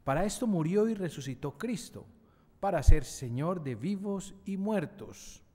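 A reverberant church echo surrounds a middle-aged man reading scripture at a lectern. His voice is mellow and a little higher than average. He reads solemnly, as a lector at Mass. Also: lively intonation, measured pace. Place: indoor chapel. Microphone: gooseneck lectern microphone. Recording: echoey church hall reverb.

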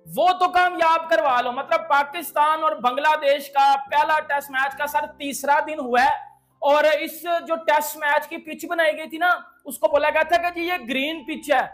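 A man's voice: very high-pitched, fairly bright tone. A young man from Pakistan giving brash, slangy, taunting cricket commentary indoors. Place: indoor room.

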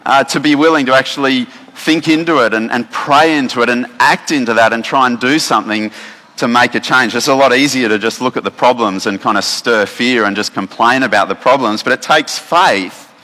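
Male Australian pastor, bright-toned, relaxed chatty sermon delivery, long church hall reverb. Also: medium pitch, fairly quick. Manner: relaxed, chatty, many fillers and restarts. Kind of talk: casual sermon with instructions for children.

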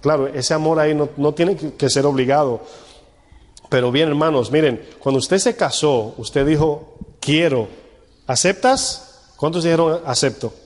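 A man's voice: fairly high pitch, normal speed, darkish tone. Preaching male pastor in a reverberant church. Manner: conversational preaching with rhetorical questions to the congregation. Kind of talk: sermon.

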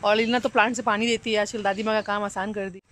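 A woman's voice: mid-range voice, fairly even intonation, quick pace, noisy background. A young woman from India, chatting to viewers in a casual home vlog while filming around her family's house and kitchen. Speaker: family vlogger.

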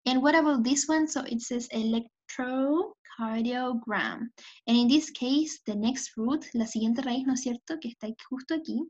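A woman who teaches English and speaks Spanish as her first language delivers a bilingual recorded lecture, explaining things in English, repeating them in Spanish, and often checking in with "¿ok?". Her voice is high-pitched, darkish and husky, moving at a moderate pace with few pauses. The lecture audio is dull and lo-fi.

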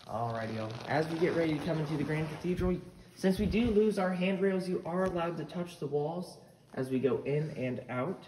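A man's voice: on the high side, expressive, fairly quick. A man leading a group through a cave, giving polite, instructive safety directions and facts. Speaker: cave tour guide. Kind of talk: guided tour talk. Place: inside a cave. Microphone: phone camera carried by a visitor. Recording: echoey cave with background noise.

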